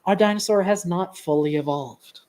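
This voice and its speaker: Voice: mid-range voice, moderate pace, warm tone. A presenter in casual educational chat, talking with many ums and light laughs. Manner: chatty, with filler ums and laughs.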